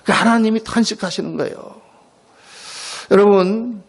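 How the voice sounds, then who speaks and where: A middle-aged man preaching a Sunday sermon as pastor, swinging between loud exclamations and hushed near-whispers. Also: high voice, moderate pace.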